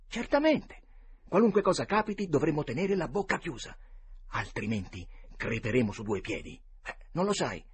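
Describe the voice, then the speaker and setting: A man voicing a bold, excitable boy adventurer in an audiobook, speaking with urgent emphasis. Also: fairly low pitch, normal speed. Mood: insistent.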